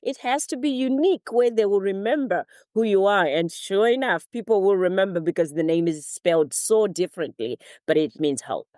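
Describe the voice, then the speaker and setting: A middle-aged woman from Zimbabwe, a therapist and motivational speaker, telling her story as a guest in a relaxed interview, laughing now and then. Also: medium pitch, normal speed, hardly any pauses, no room sound, studio quality. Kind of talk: casual interview talk.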